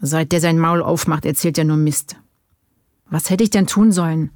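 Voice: medium pitch, fairly even intonation, normal speed, darkish tone, no room sound, studio quality, natural voice. The narrator reading an aggressive, hot-tempered male police officer who speaks harshly and with contempt. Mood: contemptuous.

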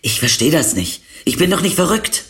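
A man voicing a flustered young guy, defensive, insistent, raised higher voice. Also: very animated, moderate pace, fairly bright tone.

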